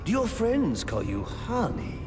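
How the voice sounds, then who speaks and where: A man's voice: high-pitched, wildly swooping pitch, measured pace, music in the background, heavily acted. An actor playing a theatrical, unhinged male villain in a video game cutscene, gleeful and seductive, swinging from murmur to shriek. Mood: manic, confiding.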